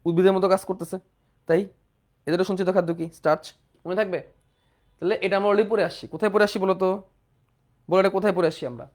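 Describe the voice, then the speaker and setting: A man's voice: sits high, steady tone, fast, long pauses, a little mellow. A young man teaching a biology exam-prep class, repeating questions and prompting students to answer. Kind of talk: online exam-prep lecture.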